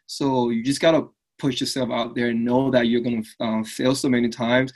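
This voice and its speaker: Earnest and upbeat, a man from Liberia who runs a fitness business talks casually as an interview guest, often adding "right?" at the end of lines. His mid-range voice stays flat in delivery and moderate in pace.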